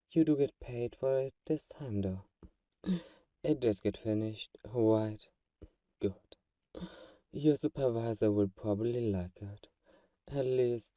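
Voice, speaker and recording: In an ASMR roleplay, a man voices a doting vampire friend who is secretly manipulative, speaking softly and fussing with a mellow, dark tone. His voice sits lowish, and the recording is dry with a distant mic.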